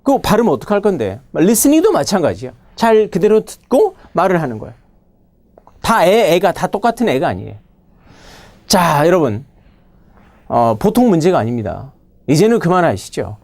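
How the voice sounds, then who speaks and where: A man's voice: on the high side, very animated, moderate pace, a little mellow, dry recording. A middle-aged man lecturing on English vocabulary, scolding students with rhetorical questions and prodding "huh?" tags. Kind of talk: recorded classroom lecture.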